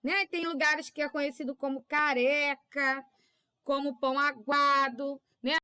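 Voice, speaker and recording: High bright-voiced carioca woman teacher. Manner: patient, keeps checking in with tag questions. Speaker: primary school teacher. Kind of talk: recorded remote lesson for children.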